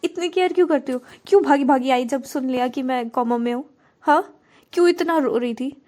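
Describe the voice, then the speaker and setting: A woman's voice: fairly quick, lightly acted. A woman playing fiery heroine Sharvari. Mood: angry. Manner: shouting, pleading, high and intense. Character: young woman, fiery and protective.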